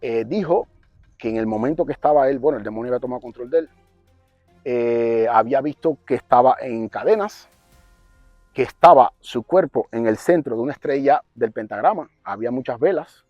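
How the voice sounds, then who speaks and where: Brief: male testimony speaker, earnest and animated, mid-pitched warm tone, dry close sound. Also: fairly quick, no echo, highs cut off, faint music behind. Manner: earnest, animated retelling with fillers, addresses listener as brother. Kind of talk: personal testimony storytelling.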